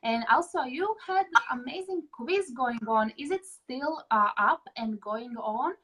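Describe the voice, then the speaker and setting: A woman's voice: sits high, animated, measured pace, a crowd in the background, low-quality recording. A woman hosting an interview, praising her guest with effusive enthusiasm in casual talk. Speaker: host.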